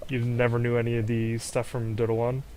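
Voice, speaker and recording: A young man co-casting an esports match, relaxed and quick to react. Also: medium pitch, slight background noise. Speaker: esports co-caster. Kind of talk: casual game commentary.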